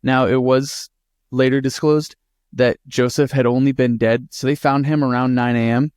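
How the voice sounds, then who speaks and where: A man co-hosting a podcast, telling a true-crime story in a casual, animated and profane way. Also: mid-range voice, normal speed, clean tone, no echo, studio quality. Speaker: podcast co-host.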